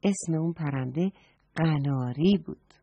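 A woman reading a children's story aloud and gently speaking to the children listening, on a dull lo-fi recording. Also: low-pitched, breathy edge, no echo. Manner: gentle, addresses children directly.

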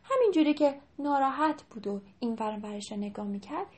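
A young woman narrates a story for children in a high, lively voice that swoops up and down. She grows animated and now and then drops to a hushed whisper for effect.

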